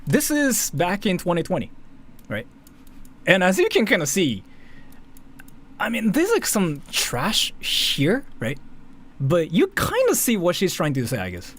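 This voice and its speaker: Speaking a little slowly with long pauses, a man from Japan uses a high, somewhat bright voice that swoops wildly in pitch. He's a streamer doing rambling live commentary in a Japanese accent, casually swearing, repeating himself and cutting himself off, over faint background noise.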